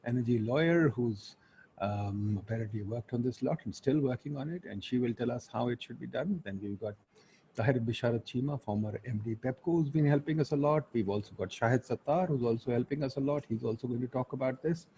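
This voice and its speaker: A man with a Pakistani accent hosts and moderates an online webinar, giving an informal, blunt spoken introduction sprinkled with Urdu asides. His mid-range voice is fairly quick and dark in tone. The audio is poor, with a little hiss or hum.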